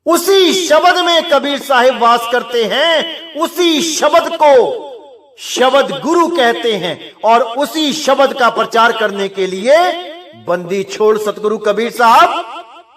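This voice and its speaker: A man's voice: extremely high pitch, animated, slow pace, fairly bright tone. A man giving an earnest devotional sermon, urging his listeners and calling them brothers. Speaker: preacher.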